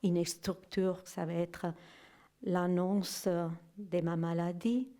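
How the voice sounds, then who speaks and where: A middle-aged woman with a Spanish accent, a native Spanish speaker, giving a personal testimony to an audience, slow and hesitant, searching for her words. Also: on the low side, flat delivery, mellow. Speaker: guest speaker.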